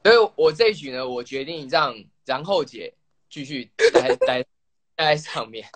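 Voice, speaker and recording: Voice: medium pitch, animated, moderate pace. A live-stream host chatting casually, playful and teasing, telling a childhood story and laughing often.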